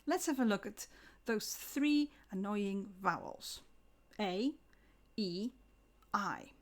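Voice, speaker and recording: A woman giving a scripted English lesson, slowing down to pronounce example words carefully. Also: mid-range voice, expressive. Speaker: English teacher.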